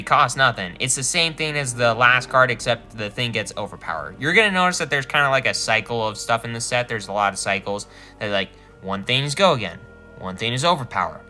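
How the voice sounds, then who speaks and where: A man reviewing cards casually, animated and quick to laugh, often correcting himself as he goes. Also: mid-range voice. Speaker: card game reviewer.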